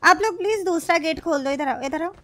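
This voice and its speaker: A woman's voice: very high-pitched, brisk, fairly bright tone, no room sound. A woman giving frantic commentary while playing a zombie shooter, exasperated, swearing often and pleading with her teammates. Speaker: mobile game streamer.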